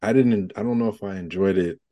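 A man co-hosting a podcast, talking about a film in a relaxed, chatty way and saying "like" often. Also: lowish voice, fairly quick. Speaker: podcast co-host. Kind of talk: casual film discussion.

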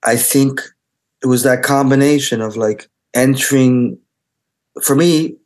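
Speaking in an interview about his work as a photographer, this Israeli-born middle-aged man, a native Hebrew speaker, pauses and restarts often as he searches for words. His mid-range voice is a little mellow, with fairly even intonation, and his tone is reflective.

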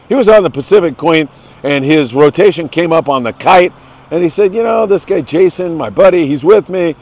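Male host, slightly high-pitched, fighting a cold, folksy and effusive, delivering an upbeat morning briefing to viewers. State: has a lingering cold. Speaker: host of a fishing report show. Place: outdoors by the coast in the morning.

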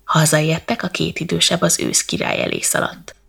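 Woman storyteller, bedtime verse, gravelly and very husky, lowish. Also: level tone, fairly bright tone. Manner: slow, rhythmic verse reading.

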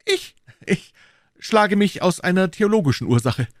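A man reading aloud, voicing a pious, scholarly male musketeer in a high, earnest tone. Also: sing-song, unhurried, dry recording, clean studio sound.

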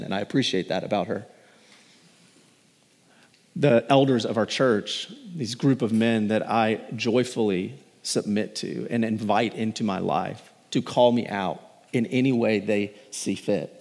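A pastor in his thirties preaching a sermon, telling stories and rising in pitch and volume when he reads scripture. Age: 30s. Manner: storytelling, rising loud and high when reading scripture. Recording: long hall reverb.

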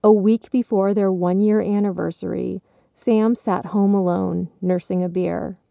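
A woman narrating her own written story in a slow, measured way. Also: mid-range voice, fairly even intonation, creaky, dry recording. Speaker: author and storyteller. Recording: slightly dull recording.

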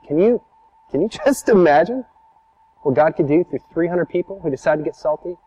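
A man's voice: a little high, animated, a little fast, dark tone, breathy edge, lo-fi sound. A man preaching a sermon as a pastor, telling stories in a conversational, emphatic way.

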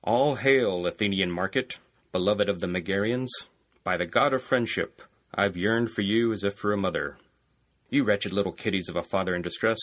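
A rustic male farmer hails the market in plain declaiming tones, read aloud by a man. The voice stays close to a low, ordinary speaking voice. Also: fairly bright tone.

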